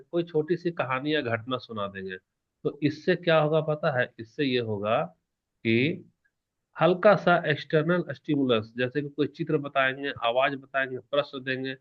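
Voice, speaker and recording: Animated male teacher, lo-fi sound. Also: mid-range voice. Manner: animated, varies loudness and pace, asks questions and answers them himself. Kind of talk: online exam-prep lecture.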